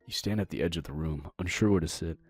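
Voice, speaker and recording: A man's voice: low-pitched, fast talker, soft background music. A young man streaming a dating sim, reading the narration aloud and riffing playfully. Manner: playful, reads narration and riffs on it. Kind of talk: casual game commentary, reading aloud.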